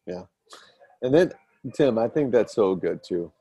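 A man hosting a faith-based podcast interview, affirming his guest and speaking in halting restarts. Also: fairly low pitch, animated, dark tone, husky, no room sound. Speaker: podcast host. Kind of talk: casual interview chat.

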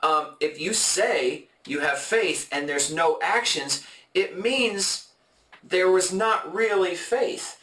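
Male podcast host walking through scripture, bright forward tone, stop-start delivery, recorded far off in an echoey room. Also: high voice. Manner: halting and explanatory, many fillers and restarts. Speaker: podcast co-host leading a Bible study. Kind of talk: conversational Bible study teaching. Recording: echoey room, mic at a distance.

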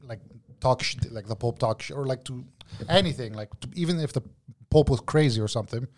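A man's voice: medium pitch, fairly quick, a little mellow. A man explaining things in casual chat, slangy and often searching for his words.

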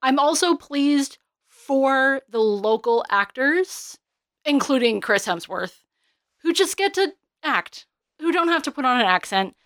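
A woman's voice: high-pitched, animated, measured pace, a bit bright, no room sound. A woman co-hosting a podcast, chatting about a film trailer in an enthusiastic, talkative way. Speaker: podcast co-host. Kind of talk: casual podcast chat.

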